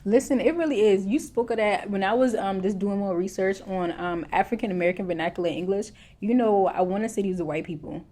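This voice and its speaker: A woman from the South Carolina Lowcountry with a Gullah Geechee accent, chatting casually in colloquial dialect. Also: fast, hardly any pauses, mellow. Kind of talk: casual conversation.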